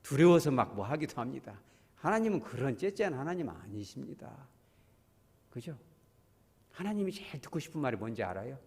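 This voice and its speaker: A man's voice: medium pitch, sing-song, brisk, long pauses, darkish tone, breathy edge, in a large hall. A man preaching a sermon as pastor, talking with the congregation in a conversational way, asking them questions and acting out voices. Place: church.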